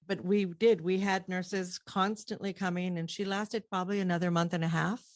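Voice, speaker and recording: A woman's voice: lowish voice, steady tone, moderate pace, no echo, studio quality. A woman telling personal stories casually as a co-host in conversation.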